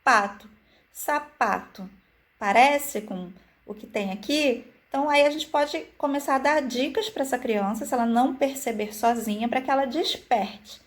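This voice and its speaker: A woman educator talks viewers through phonics activities. Her voice sits a little high, and she pauses often on "é" and "né". She slows right down and stretches example words so that every syllable is heard. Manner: frequent "é" and "né" fillers. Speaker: early-childhood educator. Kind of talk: teaching video, explaining activities.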